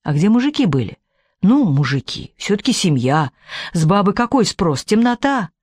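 Old village woman, put on by a male reader, folksy rural speech, lively pitch. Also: normal speed, dry recording, clean studio sound. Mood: wistful. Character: old village woman telling her war memories.

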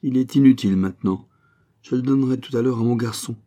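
A man reading a story aloud, voicing a kindly farmer who talks fondly and heartily to a pet bird in a raised, lively voice. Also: mid-range voice, fast, voice pushed up, lightly acted. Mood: warm, jovial. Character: kindly good-humored male farmer, tender with a pet bird. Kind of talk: storybook character voice.

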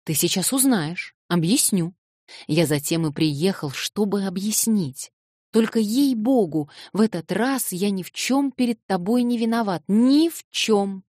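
A woman reading an audiobook and voicing an eager, flustered young man who excitedly protests his innocence. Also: mid-range voice, unhurried, dry recording, studio quality, pitched above the performer's own voice. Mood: excited pleading.

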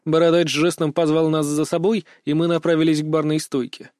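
A man narrating a first-person fantasy audiobook in an expressive storytelling manner. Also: a little high, fairly quick, no room sound, clean studio sound.

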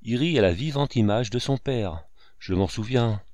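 A man's voice: medium pitch, animated, moderate pace, darkish tone, no room sound, clean studio sound, natural voice. A man reading aloud and voicing a fussy old aunt who scolds the children in raised, exclamatory outbursts. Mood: fond.

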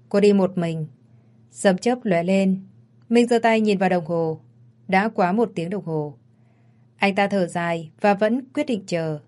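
A woman narrating a dramatic story in a steady storytelling voice. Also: medium pitch.

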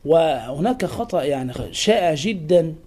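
A man teaching a recitation lesson, explaining pronunciation deliberately and chanting verses slowly to show right and wrong forms. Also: a little high, big pitch swings, a little mellow.

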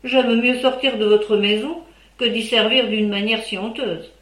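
A woman's voice: fairly high pitch, steady tone, a little slow. Woman narrator doing an old male squire, proud, principled, in a roomy echo; a storybook read aloud, the servant's voice firm and dignified. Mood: indignant. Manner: indignant, then softened.

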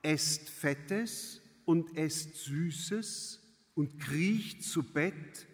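Hard-hearted maid, voiced by a man, slow, reverberant hall. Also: a little high. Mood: contemptuous. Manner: curt, hard. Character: harsh, contemptuous serving maid, woman.

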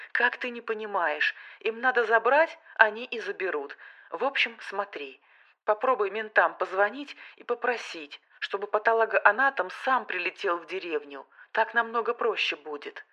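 A woman's voice: mid-range voice, animated, moderate pace, pushed and bright, lo-fi sound, pitched above the performer's own voice. A woman voicing a blunt, irritated young woman who gives advice curtly. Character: angry blunt young woman, sister's friend.

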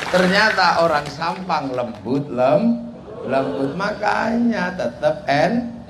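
A man's voice: fairly high pitch, slow. A man preaching a humorous sermon, telling a story and acting out the dialogue. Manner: animated, joking, acts out dialogue. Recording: echoey hall with crowd noise.

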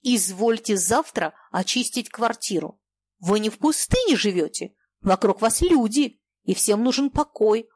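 An irate landlady with a toothache, her words lost in hissing and whistling, breaking out shrill and squealing, as a woman reader puts her on. She talks high and sharp. The sound is dry and close to the mic. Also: animated, measured pace, dry recording. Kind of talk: audiobook reading.

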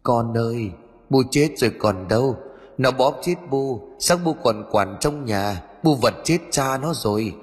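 A man voicing the ghost of an old mother-in-law, calling out in an anguished, shouted lament in a ghost story. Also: medium pitch, a little slow, in a large hall, soft background music, natural voice. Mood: wailing.

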